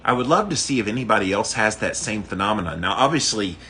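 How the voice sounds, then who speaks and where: A man's voice: on the low side, expressive, fast talker, pushed and bright. A man hosting a livestream, chatting casually and explaining things informally to his viewers. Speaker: livestream host doing a daily ice bath challenge. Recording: faint background noise.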